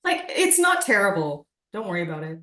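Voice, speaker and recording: A woman in relaxed, frank casual chat, giving feedback on audio to a colleague. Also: lowish voice, fairly quick. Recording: echoey room.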